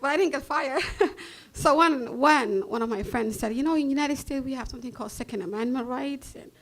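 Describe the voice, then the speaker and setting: Woman, Somali accent, high voice, live storytelling, blunt, animated, laughs between lines. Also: brisk. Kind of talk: live personal storytelling on stage.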